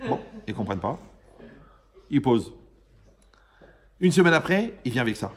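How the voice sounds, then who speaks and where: A man's voice: medium pitch, very animated, normal speed, a little hiss or hum. A man, a rabbi, giving an informal Torah lesson to a live audience, joking and quizzing his listeners as he goes. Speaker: rabbi teaching a class.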